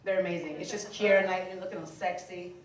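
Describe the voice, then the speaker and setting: A young woman from Michigan performing a stand-up comedy set in a club, playful and animated, slipping into voices of other people. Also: lowish voice, quick pace. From Michigan, USA. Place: comedy club stage before a laughing audience. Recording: roomy, distant club recording with noise.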